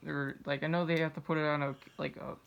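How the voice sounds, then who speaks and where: A young American man interviewing in a casual, halting way, feeling his way through questions. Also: on the high side, flat delivery, vocal fry, fairly bright tone, clean tone. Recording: slightly dull, muffled sound.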